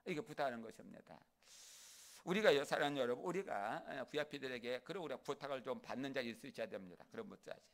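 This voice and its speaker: A man's voice: medium pitch, fast. A man preaching a sermon as pastor, acting out the lines of biblical figures in a conversational way and having the congregation repeat phrases after him. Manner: acts out biblical characters' lines in quoted speech, lively and conversational.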